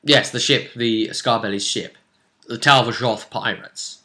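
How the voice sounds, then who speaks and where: Speaking at a measured pace, this game master has a medium-pitched, sharp-toned voice. He recaps a tabletop roleplay session in a casual, storytelling way, slipping into short character quotes as he goes.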